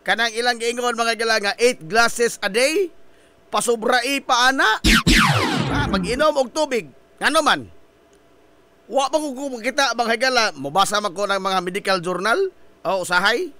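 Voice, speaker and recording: High-voiced joking radio host. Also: male voice, normal speed, very noisy. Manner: playful and joking, sing-song greetings. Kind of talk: morning radio talk show. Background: background music.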